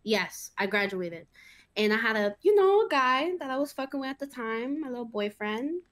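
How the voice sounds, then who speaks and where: A woman's voice: a little high, sing-song, normal speed. A woman playing the one being courted on a role-play dating game show, flirty and playful. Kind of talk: casual role-play chat.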